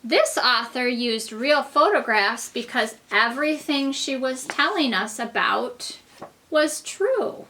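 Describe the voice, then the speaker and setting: A woman's voice: on the high side, animated, measured pace, few pauses, pushed and bright. A woman teaching a reading lesson to young children, explaining things simply and patiently like a kindergarten teacher talking to little ones.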